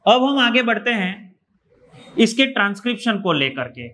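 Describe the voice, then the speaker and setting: Male teacher from India, high voice, methodical and repetitive. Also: very animated, normal speed, pushed and bright, a little hiss or hum. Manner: explains step by step, repeats key terms. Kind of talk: exam revision lecture.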